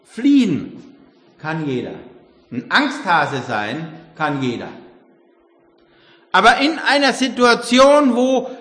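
An older man preaching a sermon, emphatic, swinging between loud exclamations and quiet reflection. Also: high-pitched. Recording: long hall reverb.

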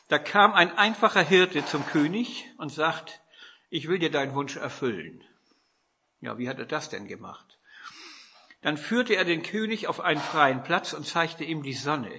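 A man's voice: a little high, lively intonation, measured pace, pauses often, bright, forceful tone, slightly rough, muffled recording. A man from northern Germany preaching a sermon, telling stories with rhetorical questions and quoted dialogue.

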